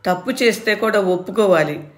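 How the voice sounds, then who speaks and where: A woman's voice: medium pitch, fairly quick, echoey room, natural voice. A woman voicing a troubled, childlike young village daughter-in-law who talks in a coaxing, singsong way, in a storybook reading. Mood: earnest.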